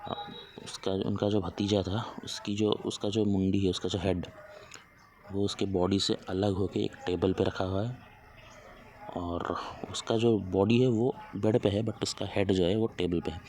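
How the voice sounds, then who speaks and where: Deep-voiced man telling a halting story. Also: fairly even intonation, darkish tone, a little hiss or hum. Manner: halting, many fillers and restarts. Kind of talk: casual spoken horror story.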